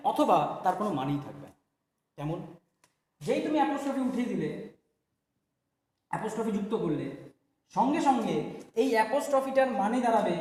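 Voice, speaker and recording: A man's voice: very high-pitched, darkish tone, reverberant, long reverb tail. A man teaching an English grammar lesson, explaining step by step and asking and answering his own questions. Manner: repeats and rephrases points. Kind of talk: Bengali-language grammar lecture.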